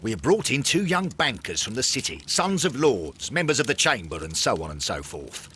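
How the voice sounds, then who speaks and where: English male inspector, Victorian game, blustering, emphatic, forceful tone, very animated pitch. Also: moderate pace, slight background noise. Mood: pressed, businesslike. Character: blustering, easily flustered Victorian London police inspector. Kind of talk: video game cutscene acting.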